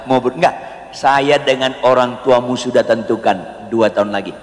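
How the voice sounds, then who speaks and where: A man doing a gruff, deep scolding father. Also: normal speed, natural voice. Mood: stern. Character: stern older father, angry and scolding. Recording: reverberant church hall.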